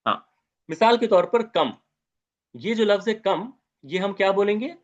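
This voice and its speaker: Guy teaching arabic grammar, fairly high voice, keeps repeating terms and checking "right?", kinda dull lo-fi sound. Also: expressive, a little slow. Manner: repetitive, drilling Arabic terms with questions to students. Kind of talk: online grammar lecture.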